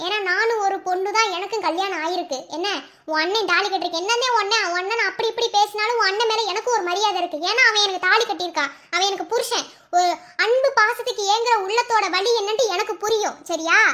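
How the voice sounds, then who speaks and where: A fierce cartoon sister-in-law lectures sharply in a Madurai Tamil accent. Her voice is very high and bright, and she talks fast. She scolds without pause.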